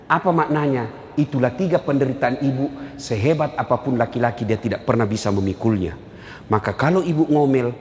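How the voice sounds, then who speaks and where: A man preaching in a big reverberant hall, his voice sitting fairly high and swinging widely in pitch as he jokes with the crowd. He teases his listeners and acts out small domestic scenes, with faint room ambience behind him. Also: background noise. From Indonesia. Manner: joking, teasing the audience, acting out little scenes with husbands and wives. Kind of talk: humorous sermon to a live congregation.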